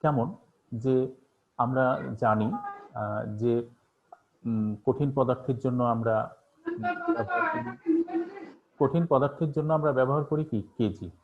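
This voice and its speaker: A man teaches an online class in a medium-pitched voice, speaking slowly with long pauses while faint music plays behind him. He asks questions and answers them himself, using many fillers, and the audio is tinny and phone-like.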